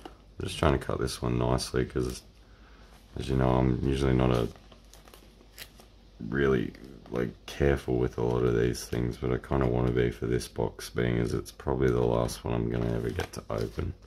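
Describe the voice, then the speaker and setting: A man with an Australian accent and an extremely low, gravelly voice chats in a relaxed, rambling way, full of fillers. His voice is croaky at the moment. A faint hiss sits behind him. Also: normal speed. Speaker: channel host. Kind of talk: casual unboxing chat.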